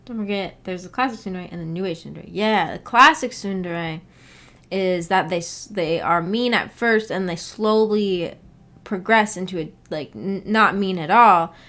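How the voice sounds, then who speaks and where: A book club streamer with a voice on the low side and a bit of brightness talks at normal speed to her viewers from home. She reads comments aloud and rambles in a giggly way while thinking out loud.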